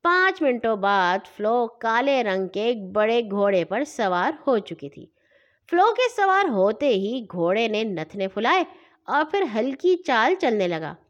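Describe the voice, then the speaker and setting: A woman reading a children's story aloud in an expressive, lively way. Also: a little high, lo-fi sound.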